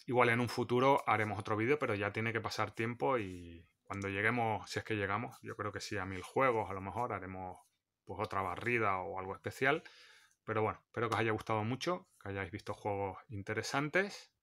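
Chatty man, low voice. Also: fairly quick, a bit bright. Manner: chatty, listing titles one by one. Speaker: game collector vlogger. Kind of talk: casual vlog showing a game collection.

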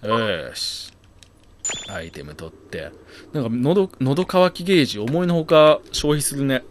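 Jokey man yelling over a video game. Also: mid-range voice, lively intonation, unhurried, slight background noise. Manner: chatty, jokey, bursts into loud startled yelling. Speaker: game commentator. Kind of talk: let's play commentary. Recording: loud game sound behind the voice.

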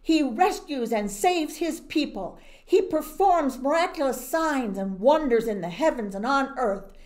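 A woman voicing an ancient male king who speaks solemnly and loudly. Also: high voice, lively intonation, a little slow, pitched above the performer's own voice. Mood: proclaiming. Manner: declaiming, loud and raised.

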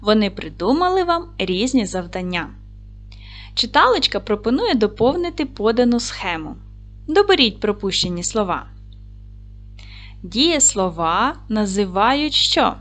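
A woman teaching a recorded lesson for young children, speaking clearly and slowly with encouraging praise. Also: medium pitch, sing-song, a bit bright. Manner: clear, slow, encouraging classroom delivery. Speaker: primary school teacher.

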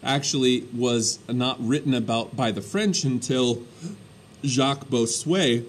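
A male history teacher giving a recorded lecture in a conversational way, often pausing with ums and uhs. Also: mid-range voice, a little hiss or hum.

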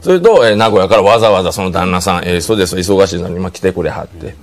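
A middle-aged man with a Kansai accent telling a comic story, acting out lines and dropping to hushed tones. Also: sits low, rapid-fire, faint music behind. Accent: Kansai Japanese. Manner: animated, acts out quoted lines, drops to hushed tones. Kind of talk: comic storytelling on a TV panel show. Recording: studio audience laughter.

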